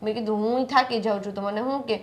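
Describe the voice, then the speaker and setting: A woman's voice: a little high, steady tone, natural voice. A woman playing a young wife who complains about her mother-in-law in a family drama. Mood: complaining. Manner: complaining, rapid-fire.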